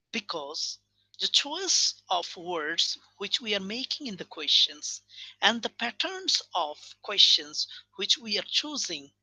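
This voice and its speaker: Male lecturer from Bangladesh, earnest explainer, lively melodic delivery. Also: sits high, no room sound, poor audio. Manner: earnest, explanatory, checks in with listeners. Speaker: English teaching lecturer. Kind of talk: video lecture.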